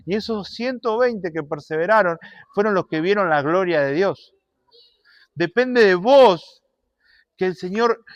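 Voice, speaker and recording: A man preaching a sermon and telling a story, animated, shifting between loud and soft. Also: sits high, no room sound.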